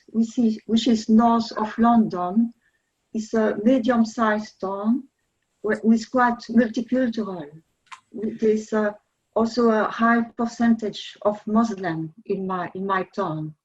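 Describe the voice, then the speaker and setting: A woman gives a conference presentation, polite and earnest, her voice a little high and husky. The sound comes through as a dull, lo-fi video call. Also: fairly even intonation, slow, a little mellow. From Belgium. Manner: polite and earnest, slightly non-native phrasing. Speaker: conference speaker. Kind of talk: presentation talk.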